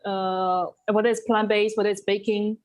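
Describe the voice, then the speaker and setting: A woman's voice: mid-range voice, level tone, normal speed. Enthusiastic woman hosting an online cooking class. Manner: enthusiastic, talks while tasting food. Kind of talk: casual live cooking class chat. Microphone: video call.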